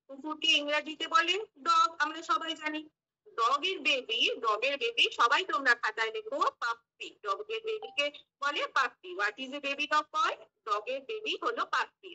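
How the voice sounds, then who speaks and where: Bright high-voiced woman teaching children. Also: low-quality recording. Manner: spells words letter by letter, asks and answers questions; mixes English phrases into the lesson. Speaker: teacher candidate giving a demo class. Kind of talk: mock classroom teaching.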